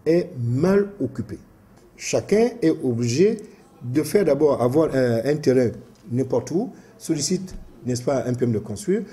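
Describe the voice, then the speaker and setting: A man's voice: medium pitch, dark tone. A man interviewed in a news report, explaining with repeated tags.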